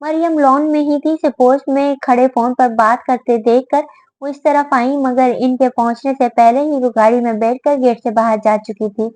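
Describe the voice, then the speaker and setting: Woman narrator, bright high voice, close dry mic, steady audiobook read. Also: normal speed, no echo, poor audio. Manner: steady storytelling delivery.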